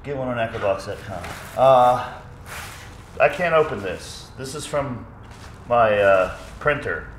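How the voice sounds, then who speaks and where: A man in his thirties chatting casually to camera for a fitness vlog, goofy and excitable, jumping between loud bursts and low asides. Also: unhurried, slight background noise. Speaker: fitness vlogger. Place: echoey home gym. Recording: echoey room.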